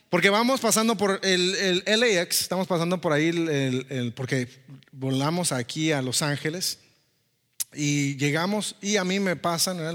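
A man preaching a personal testimony, telling the story in a lively way and acting out the dialogue. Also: on the high side, big-room sound. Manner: storytelling, animated, acts out dialogue. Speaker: pastor. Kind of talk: sermon testimony.

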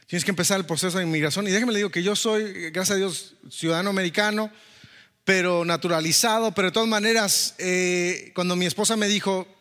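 A man preaching a personal testimony, telling the story in a lively way and acting out the dialogue. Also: high voice, fairly quick, big-room sound. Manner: storytelling, animated, acts out dialogue. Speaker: pastor. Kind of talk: sermon testimony.

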